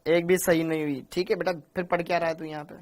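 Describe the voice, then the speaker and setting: Speaking fast in a level, darkish voice on the high side, a man runs a live online chemistry class. He chats a lot and repeats answers, addressing students as beta and praising them by name.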